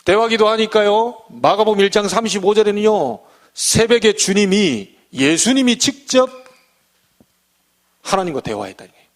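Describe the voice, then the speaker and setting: Man, pastor giving a midweek sermon in church, slightly high voice with lively swings in pitch, chatty and acts out small scenes. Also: moderate pace. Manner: lively, conversational preaching, acting out little scenes.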